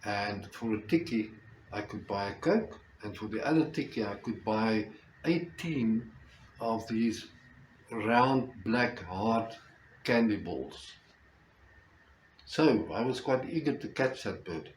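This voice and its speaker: An older man with a South African accent and Afrikaans as his first language, telling a personal story reflectively with halting, deliberate phrasing. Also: on the low side, expressive. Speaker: storyteller, host. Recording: roomy echo with faint background noise.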